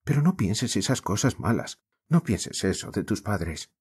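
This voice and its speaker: A man's voice: lowish voice, very animated, measured pace, husky, full character voice. A man putting on a meek, sorrowful orphan girl. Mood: tender, pleading. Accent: Spain. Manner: soft, gentle and consoling. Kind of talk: audiobook character reading.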